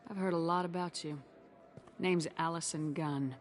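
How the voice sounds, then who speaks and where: An actress voicing a composed female commander in a video game, speaking calmly and dryly. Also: low-pitched, moderate pace, soft background music, natural voice.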